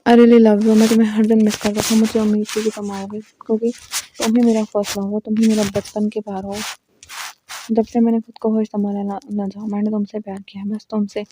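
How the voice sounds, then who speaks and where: A woman's voice: mid-range voice, flat delivery, a little fast, warm tone, a little hiss or hum, close to an everyday voice. A woman voicing a lovesick young man who pleads with his beloved, repeating his pet name. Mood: tender.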